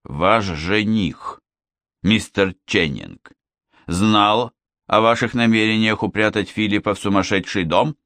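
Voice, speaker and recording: A man voicing a reserved, grave aristocratic lord who speaks slowly and quietly. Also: fairly low pitch, dry recording.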